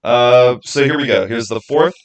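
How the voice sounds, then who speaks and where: Over background noise, a man with a medium-pitched voice talks at a moderate pace. He's hosting a livestream, informally chatting with viewers and thinking out loud.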